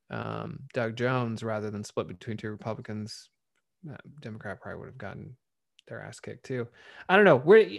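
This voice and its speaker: A man rambles and swears through a casual podcast chat, sarcastic at every turn. His voice is gravelly with a rough edge. The sound is dry and close to the mic. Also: medium pitch, no echo. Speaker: podcast co-host.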